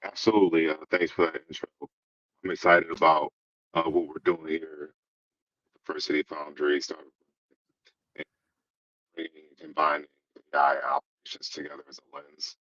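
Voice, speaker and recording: A man speaking as co-host over a remote call, his audio breaking up and cutting out, in a steady, businesslike way. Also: rumbling low, moderate pace, long pauses, dry recording. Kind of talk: casual conversation. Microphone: remote call microphone. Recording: dull, dry call audio.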